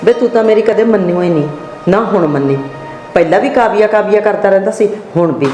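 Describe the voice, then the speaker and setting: A woman's voice: mid-range voice, expressive, quick pace, natural voice. An older woman with a Punjabi accent, acting an insistent mother who keeps urging her son to remarry. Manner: insistent, scolding. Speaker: nagging mother. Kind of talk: village drama acting. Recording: echoey room with loud background music.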